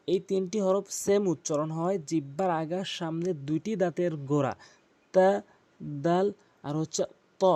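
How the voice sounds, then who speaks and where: A man teaching Quran pronunciation step by step, explaining plainly and repeating each letter slowly to demonstrate it. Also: high voice, dark tone. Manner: plain instructive explanations with fillers.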